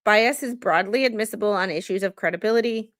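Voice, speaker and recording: She has a medium-pitched, slightly bright voice. As a non-lawyer streaming live, she haltingly reads legal filings and chats about them informally while teasing herself.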